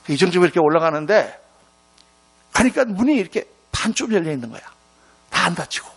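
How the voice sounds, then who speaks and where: A man's voice: high voice, fast talker, vocal fry, breathy edge. A middle-aged male pastor preaching a revival sermon in a church, telling a story and acting out its dialogue. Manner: animated, acts out dialogue in the story. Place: church sanctuary.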